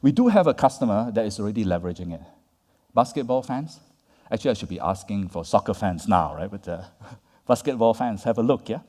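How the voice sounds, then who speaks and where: Speaking briskly in a fairly low, mellow voice, a man gives a lively conference lecture and leans hard on key words. He talks conversationally and keeps checking in with the audience with "right?" and "yeah?", his voice carrying a large hall's long reverb.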